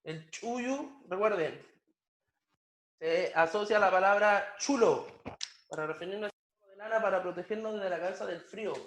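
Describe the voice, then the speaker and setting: A man's voice: high voice, normal speed, fairly bright tone, reverberant. A man teaching an online language lesson, patiently repeating words and drilling pronunciation.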